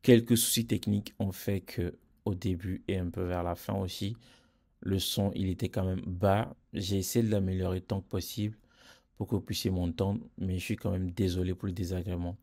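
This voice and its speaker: A man's voice: sits low, steady tone, normal speed, darkish tone. A man hosting a podcast interview, talking casually with lots of hesitations and fillers. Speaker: podcast host.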